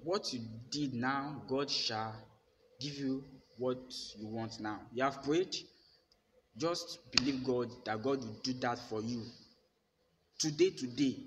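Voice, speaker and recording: A young adult pastor preaches to his phone, held at arm's length, in a bare indoor room with plain walls. His mid-range voice is sharp, with slow, deliberate, emphatic declarations that he repeats. The phone recording has long reverb and faint room noise.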